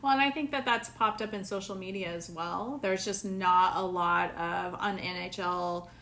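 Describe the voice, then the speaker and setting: A woman's voice: lowish voice, fairly even intonation, moderate pace, sharp tone, slight background noise. A woman co-hosting a casual hockey chat, agreeable and earnest, with many filler words. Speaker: podcast co-host.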